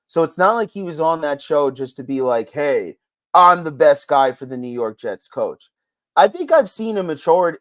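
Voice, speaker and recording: Excitable middle-aged man hosting a sports show. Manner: excitable, rambling, big swings in pitch and loudness. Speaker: sports podcast host. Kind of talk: casual sports commentary.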